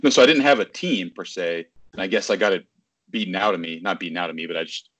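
A man in his thirties from Virginia, a baseball journalist, chats casually in a video-call interview from his city apartment. His voice is deep, fast, a bit bright and slightly rough, with no echo. He rambles, corrects himself mid-sentence often, and uses lots of fillers.

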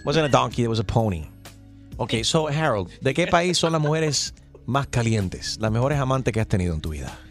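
A man's voice: medium pitch, big pitch swings, normal speed, faint music behind. A man hosting a morning radio show, playful and chatty, taking listener calls and dropping English phrases into his talk. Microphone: studio microphone.

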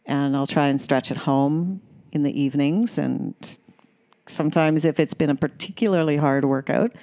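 A woman's voice: sits low, normal speed, warm tone. A woman who is a gym member, chatting casually with hesitant restarts and easy laughter. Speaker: gym member being interviewed. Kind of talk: casual chat.

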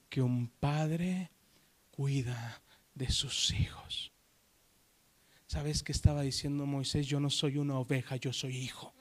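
A male pastor with a notably high voice preaches a lively sermon in church. He rises into loud, excited outbursts, then drops into low, hushed words for emphasis. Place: church service before a congregation.

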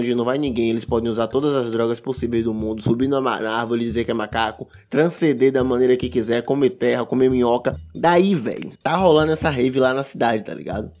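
A male podcast host speaks with a Bahian Brazilian accent in a mid-pitched voice. His delivery is a casual comic monologue, full of slang and profanity, with phrases repeated for emphasis. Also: a little mellow. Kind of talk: casual comedic monologue about a TV series.

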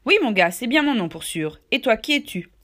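A woman voicing a jovial, blustering one-legged pirate innkeeper in a storybook reading, with a loud, gruff, bossy manner. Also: on the high side, very animated, fairly quick. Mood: hearty.

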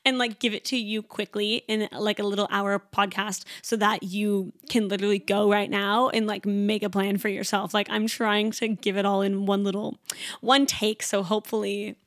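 A young woman in her twenties hosting a casual solo podcast, talking fast and chatty with lots of "like" fillers. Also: mid-range voice, little pitch movement, no room sound, studio quality. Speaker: podcast host.

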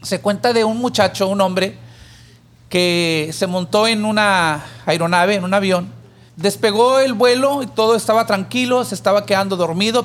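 A church podcast co-host tells a parable in a conversational teaching style, his male voice sitting high over a slight hiss or hum. He's an animated storyteller who raises his voice when voicing the pleading character.

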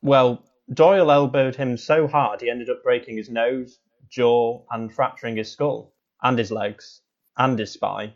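Deadpan cynical guy doing football punditry, kinda muffled lo-fi sound. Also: medium pitch, a little slow. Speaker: co-commentator.

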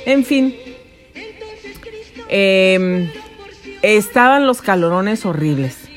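A middle-aged woman from Mexico telling a personal story, animated and dramatic with many exclamations. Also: medium pitch, very slow, soft background music. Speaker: podcast host.

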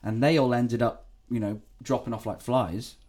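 A man's voice: mid-range voice, fairly even intonation, normal speed, a little mellow. Rambling man chatting on a podcast. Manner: rambling, swears freely, breaks into laughs. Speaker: podcast co-host. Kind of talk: casual true-crime podcast chat.

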